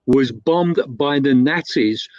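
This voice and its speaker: A man's mid-range, darkish voice moves slowly through a long, casual anecdote, where he keeps restarting, correcting himself and leaning on fillers. He's a guest storyteller, recorded in a dull, dry, lo-fi way.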